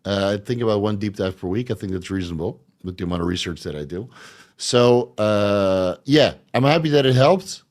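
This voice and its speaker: Low-voiced man answering livestream questions. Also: expressive, a little fast, a little mellow. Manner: reads out chat questions, then explains at length with fillers. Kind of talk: casual livestream Q&A. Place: at home.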